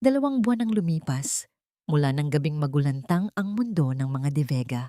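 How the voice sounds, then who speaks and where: A woman's voice: sits low, expressive, a little fast, warm tone, dry recording, clean studio sound. A woman storyteller reading a scripted drama story with dramatic, emphatic delivery.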